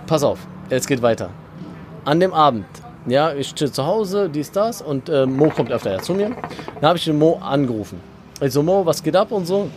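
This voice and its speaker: A man's voice: on the high side, sing-song, moderate pace, noisy background. A young man co-hosting a podcast, telling a long story in casual chat, rambling with many fillers and acting out quoted dialogue. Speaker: podcast co-host.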